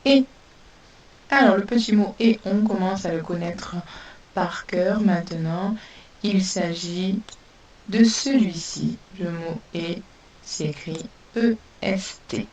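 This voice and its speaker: Slow, deliberate woman teacher dictating. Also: medium pitch, a little mellow. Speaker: primary school teacher. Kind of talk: recorded spelling lesson for young pupils. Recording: distant mic with faint hiss.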